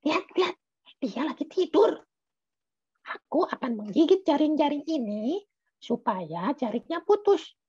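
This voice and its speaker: A woman voicing a small, brave, chatty mouse in a children's story, full of quick exclamations, over video call audio. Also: high voice, sing-song, darkish tone, lo-fi sound. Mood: hushed.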